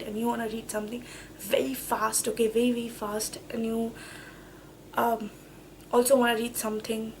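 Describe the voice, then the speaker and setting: A young woman with a cold chats casually in a book-review vlog, speaking emphatically, repeating words and phrases, and saying okay often. Her voice is a little high, and the low-quality recording carries slight hiss or hum.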